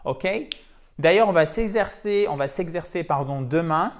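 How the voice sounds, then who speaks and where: A male language teacher with a slightly higher voice explains things in a chatty, playful way. He checks in with his listeners often as he goes, keeping the lesson relaxed. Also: moderate pace. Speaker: English teacher.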